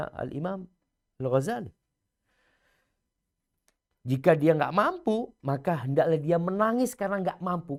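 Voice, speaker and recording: A man giving a religious lecture, swinging from loud emphasis to hushed, near-whispered lines and chanting scripture slowly. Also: medium pitch. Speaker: preacher.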